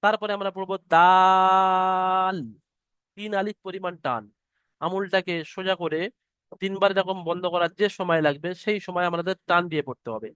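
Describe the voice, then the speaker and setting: A man teaching the Arabic alphabet in an online class, patiently sounding out each letter slowly and explaining how to pronounce it. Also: high voice, fairly bright tone, smooth, dry recording. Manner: slow, patient, drawn-out letter demonstrations. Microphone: computer mic on a video call.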